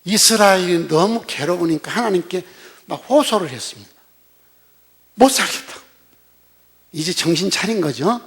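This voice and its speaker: A man's voice: sits high, expressive, fairly quick, a bit bright. An older man preaching a sermon as a senior pastor, telling the story in a blunt, colloquial way and throwing rhetorical questions at the congregation.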